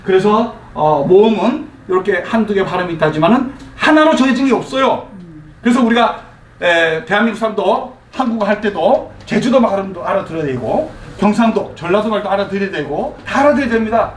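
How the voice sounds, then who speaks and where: A man teaching an English class to a live audience in a room, leading them through call-and-response drills in a lively, coaxing way and chuckling as he explains. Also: sits high, brisk, distant mic. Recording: echoey room recorded from afar, faint ambient noise.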